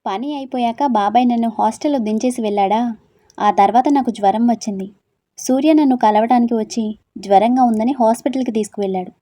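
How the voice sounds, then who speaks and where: A woman's voice: a little high, fairly quick, dark tone, no echo, natural voice. A woman voicing a naive, innocent young woman student who asks puzzled questions in an audio story. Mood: defensive. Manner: wide-eyed, puzzled questioning.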